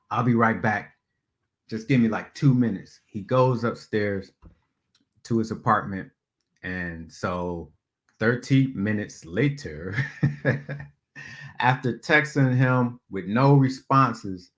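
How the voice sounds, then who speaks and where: A man's voice: mid-range voice, a bit bright. A man vlogger telling a story casually, laughing often and using slang.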